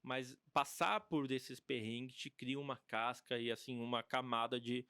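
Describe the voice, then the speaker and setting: A man from Brazil, a guest DJ, telling work stories in an animated, anecdotal way in a casual podcast chat. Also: medium pitch, moderate pace, clear, resonant tone, dry recording, clean studio sound.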